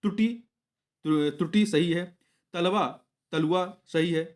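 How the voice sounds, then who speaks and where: A man's voice: on the high side, takes it slowly. A young man teaching exam preparation, going through test questions one by one, patiently repeating each answer and correcting himself mid-word. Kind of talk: explaining Hindi test answers.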